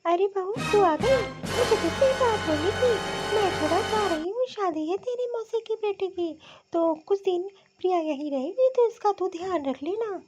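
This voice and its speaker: A woman's voice: very high voice, animated, moderate pace, hardly any pauses, loud music behind the voice. A woman voicing a fussy, doting older mother-in-law who talks in a soothing, reassuring way to her daughter in a cartoon. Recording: dull lo-fi recording.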